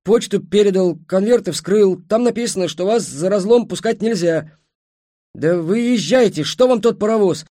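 A man voicing a gruff, plain-spoken middle-aged train driver in an audiobook. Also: medium pitch, big pitch swings, normal speed, a bit bright, no echo, clean studio sound. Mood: pleading.

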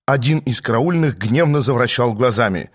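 A man narrating an audiobook in the first person, with a dry, measured storytelling delivery. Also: mid-range voice, lively intonation. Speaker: audiobook reader.

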